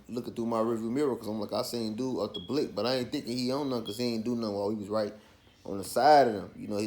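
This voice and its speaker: A low-voiced man with a Chicago accent tells his story casually. His voice has a heavy gravelly creak, and he talks in street slang, often tagging his phrases to check that the listener follows. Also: a little hiss or hum. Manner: slangy, with frequent checking tags like "you feel me". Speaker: vlogger.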